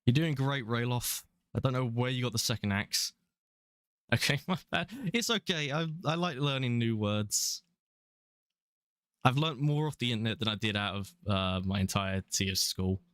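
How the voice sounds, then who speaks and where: A man's voice: medium pitch, normal speed, a bit bright, clear, resonant tone, dry recording, studio quality. A young man in his twenties with a London accent, chatting casually and rambling with chuckles while he streams a game. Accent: London English. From England. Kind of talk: casual live-stream commentary.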